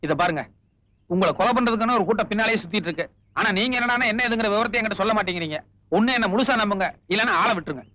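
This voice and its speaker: An actor playing a confident, wry thief in a film, talking in a chatty way. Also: male voice, high-pitched, racing, bright, forceful tone. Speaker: thief turned helper. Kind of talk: film dialogue. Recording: dull lo-fi film audio with music.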